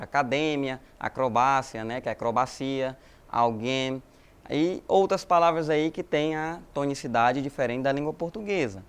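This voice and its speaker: Higher-voiced Brazilian man teaching. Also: smooth. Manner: explanatory, addresses students as galerinha, frequent né tags. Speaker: Spanish teacher. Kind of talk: recorded video lesson.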